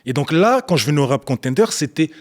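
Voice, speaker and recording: A man's voice: on the high side, fast talker. A young adult man, a guest who is a battle rapper and slam poet, telling his story in a casual interview and acting out the scenes he remembers. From Africa, grew up partly in Ethiopia. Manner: animated storyteller, acts out scenes, bursts of laughter.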